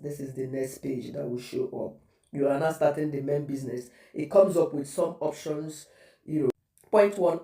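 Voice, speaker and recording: A man's voice: fairly high pitch, warm tone. Man guiding viewers in an echoey room. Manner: patient instructional, repeating steps. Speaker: tutorial host. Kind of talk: step-by-step how-to guide. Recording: echoey room, distant mic.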